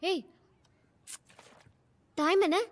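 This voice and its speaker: A woman's voice: very high-pitched, steady tone, very slow, no echo, exaggerated voice. An actress playing a bossy young woman who gives orders and mixes English into her speech. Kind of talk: film drama acting.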